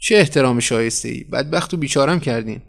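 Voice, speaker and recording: Guy voicing a furious painter, high and loud when angry, storybook reading. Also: vocal fry, close to an everyday voice. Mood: outraged. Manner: outraged, shouting. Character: furious indignant middle-aged male painter.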